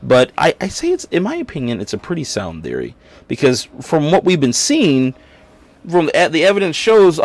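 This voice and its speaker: A man hosting a casual livestream, talking in a rambling way and reading viewers' chat aloud. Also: mid-range voice. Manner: rambling and casual, with many restarts and fillers. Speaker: livestream host.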